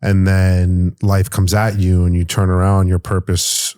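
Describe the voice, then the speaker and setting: A man hosting a podcast interview in a relaxed, casual way, using slang. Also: low-pitched, a little slow, smooth, no room sound, clean studio sound. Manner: laid-back, says "bro" and "like". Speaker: podcast host.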